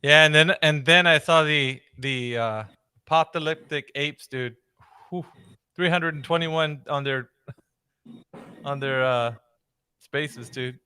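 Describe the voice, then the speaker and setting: Bright, crisp laid-back guy. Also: fairly high pitch, slow, long pauses, no room sound, studio quality. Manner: laid-back, slangy, drops "dude" and "man". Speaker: co-host of an audio chat room. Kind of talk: casual chat.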